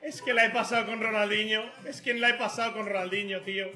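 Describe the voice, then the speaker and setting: A man's voice: sits high, fairly even intonation, fast, sharp tone, roomy sound, soft background music. A man streaming a football game live, exasperated and complaining to his viewers about the lag. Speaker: gaming streamer.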